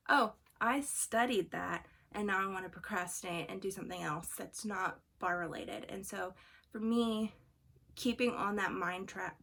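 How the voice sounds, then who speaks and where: Congested young woman, gravelly rambling vlog. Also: fairly low pitch, fairly bright tone. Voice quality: throaty. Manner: rambling, many fillers and tangents. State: congested from allergies. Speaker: vlogger studying for the bar exam. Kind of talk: casual vlog chat. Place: room at home. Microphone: camera on a fixed angle.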